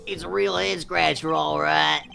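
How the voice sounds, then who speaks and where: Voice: medium pitch, fairly even intonation, unhurried, creaky, bright, forceful tone, faint music behind, heavily acted. A performer voicing a bumbling, cheerful male detective sidekick in an improvised comedic fan dub, goofy and eager.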